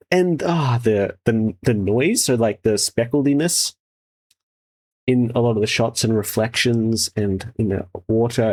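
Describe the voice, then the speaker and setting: A man's voice: mid-range voice, darkish tone. A man hosting a casual trailer reaction with sweary, laddish, slangy enthusiasm. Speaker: host, game developer reviewing trailers.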